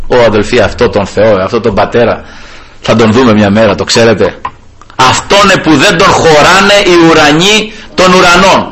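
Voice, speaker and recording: Man, preacher, fervent sermon, husky, very lively pitch. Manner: fervent, repeats praise refrains and addresses the brethren.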